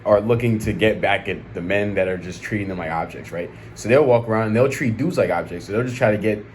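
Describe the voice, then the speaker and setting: A low-pitched American man speaks in a casual, slangy vlog style. He rambles through his opinions conversationally, checking in with the listener often. There is some background noise behind him. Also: darkish tone. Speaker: vlog host.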